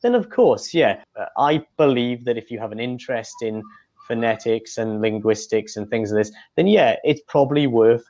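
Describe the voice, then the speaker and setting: A man's voice: mid-range voice, expressive, normal speed, darkish tone. Chatty man on a dull video call. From Wales. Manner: chatty, casual, with many fillers. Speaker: English tutor. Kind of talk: interview answers.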